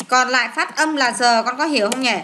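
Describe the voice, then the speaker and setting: A woman's voice: high voice, brisk, pushed and bright, a little hiss or hum. A woman teacher, going through an English test with a child, asking questions and answering them herself.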